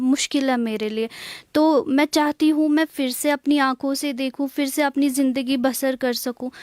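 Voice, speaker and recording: A young woman from Kashmir, speaking softly and hesitantly in a tearful interview. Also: high voice, dry recording. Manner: soft-spoken, hesitant, many pauses and fillers. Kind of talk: emotional interview.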